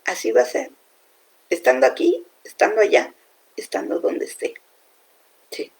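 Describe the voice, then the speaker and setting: A woman's voice: a little high, very animated, a little slow, gravelly, darkish tone, slightly rough. A woman giving an informal devotional talk, speaking conversationally and often checking in with the listener.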